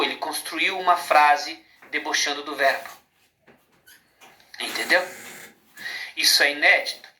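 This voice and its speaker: Emphatic Brazilian man, tense bright voice. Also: fairly high pitch, a little hiss or hum. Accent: Brazilian Portuguese. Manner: emphatic, rambling, asks rhetorical questions. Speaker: spiritual speaker. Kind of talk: informal spiritual monologue. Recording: roomy echo.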